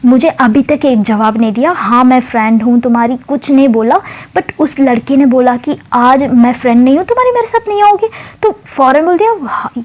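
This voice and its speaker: A woman's voice: sits high, normal speed. A woman voicing a jealous, hot-tempered young woman who piles on accusing complaints. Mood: angry.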